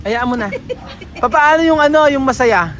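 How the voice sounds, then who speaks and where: A man's voice: extremely high pitch, animated, normal speed, a bit bright, slight background noise. A man from the Philippines vlogging in casual chat, playful and coaxing, often stopping and restarting his words.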